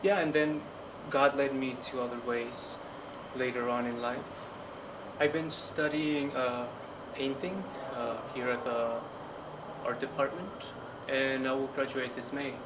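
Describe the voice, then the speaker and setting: A Colombian man in his 20s, a Franciscan friar who studies painting, reflects personally in an interview monologue. His mid-range voice is even, and he speaks haltingly in short phrases over noticeable background ambience.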